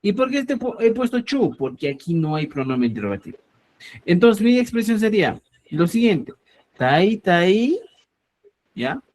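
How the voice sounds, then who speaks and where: Male language teacher, high animated voice, slow and deliberate delivery, checks understanding often. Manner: explains slowly, checks in with a frequent "¿ya?"; addresses listeners as "estimados amigos". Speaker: Quechua teacher. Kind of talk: online grammar lesson.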